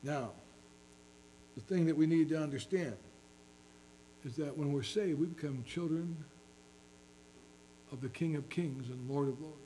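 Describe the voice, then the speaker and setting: Earnest male pastor preaching, mellow voice. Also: on the high side, a little slow, long pauses, slight background noise, poor audio. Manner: reads scripture in King James wording, earnest preaching. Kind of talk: sermon.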